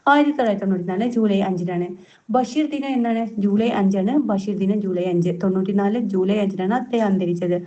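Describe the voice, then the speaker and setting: Woman tutor running quiz drills, repeats each answer; warm tone, muffled lo-fi sound. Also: mid-range voice, brisk. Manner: repeats each answer, self-corrects with fillers. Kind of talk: reading out quiz questions and answers.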